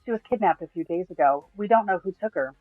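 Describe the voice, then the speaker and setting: A man's voice: sits high, lively intonation, fast, no room sound, soft background music. A man voicing nervous goblin animal handlers who explain things uneasily. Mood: uneasy. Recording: tinny, phone-like, dry.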